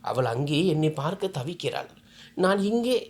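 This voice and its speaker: A woman's voice: low-pitched, sing-song, moderate pace, a little mellow. A woman voicing an elderly, tearful mother who pleads lovingly in a storybook tale. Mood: pleading. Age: older. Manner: pleading, emotional.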